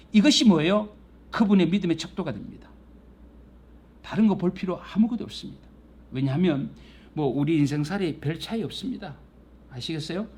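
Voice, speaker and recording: Lively husky-voiced man preaching. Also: high voice. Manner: lively, teasing, acts out quarrels and God's voice. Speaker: pastor. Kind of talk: Bible class lecture. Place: church classroom.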